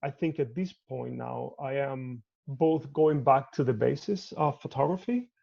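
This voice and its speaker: Husky, gravelly man from Cuba. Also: mid-range voice, muffled recording. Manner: measured, thoughtful, with frequent restarts. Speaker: artist. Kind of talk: interview over video call. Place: home. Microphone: video call.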